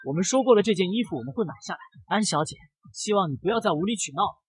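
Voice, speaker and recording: A composed young boss who protects his wife, voiced by a man narrating a comic story. He speaks firmly and quickly in a slightly husky voice, recorded dry and close. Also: high-pitched, expressive, no room sound, voice pushed up. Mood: calm.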